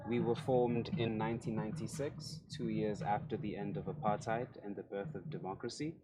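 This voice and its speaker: A man from South Africa speaks as a guest on a panel, measured and articulate. His voice is fairly low, with clear ambient noise behind him. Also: steady tone. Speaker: panel guest, NGO worker. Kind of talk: panel discussion.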